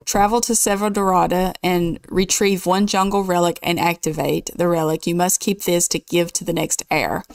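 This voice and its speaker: A woman hosting a gaming channel, chatting casually and reading game rules aloud at an easy, even pace. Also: fairly low pitch, no echo, studio quality.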